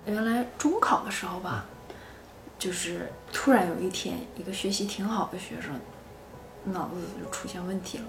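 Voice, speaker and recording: A woman's voice: on the low side, normal speed, gravelly, a little hiss or hum. Chatty woman in an echoey room. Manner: chatty, asks short questions. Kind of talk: casual chat.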